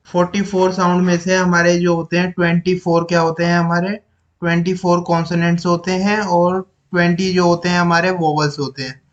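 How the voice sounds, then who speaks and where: A man with a high voice teaches phonetic symbols from his notes. He repeats each sound slowly and works through the symbols one at a time, in an explaining tone.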